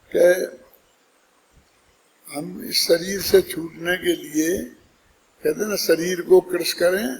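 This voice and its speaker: A man's voice: high voice, gravelly, in a large hall, slight background noise, low-quality recording. A man giving a scripture discourse, explaining step by step and putting rhetorical questions to his listeners. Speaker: Jain scripture teacher.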